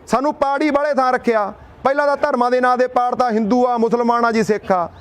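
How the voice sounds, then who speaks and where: A man's voice: very high-pitched, steady tone, fast talker. A middle-aged man from Punjab giving an impassioned speech at an outdoor protest, firing rhetorical questions and telling folksy stories. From Punjab, India. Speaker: speaker at a protest sit-in.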